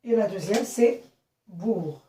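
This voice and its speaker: A woman teacher with a slightly high voice, leading a phonics lesson for small children. She speaks slowly and deliberately, spelling words letter by letter and repeating each one. The sound is roomy and echoey, picked up from a few steps away. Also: animated, a little mellow, a little hiss or hum. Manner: slow, clear, repeats and spells words out, checks with "d'accord?". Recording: echoey room, voice from a distance.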